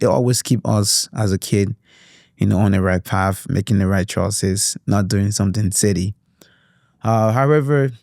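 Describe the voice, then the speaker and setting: Young Liberian-accented man, interview guest, dark gravelly timbre, earnest reflective storytelling. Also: lowish voice, no room sound, studio quality. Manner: earnest, reflective, with frequent "you know" fillers. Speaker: youth advocate guest.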